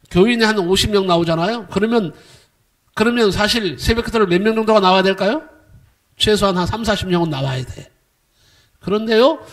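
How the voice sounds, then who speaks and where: A middle-aged male pastor preaching a sermon, emphatic, firing rhetorical questions at the congregation and acting out quoted voices. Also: high voice. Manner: acts out quoted voices with sudden swings in loudness.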